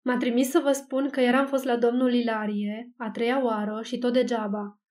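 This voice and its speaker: A woman's voice: fairly high pitch, little pitch movement, darkish tone, natural voice. A woman voicing a sly, honey-voiced church servant. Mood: mild. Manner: mild, honeyed.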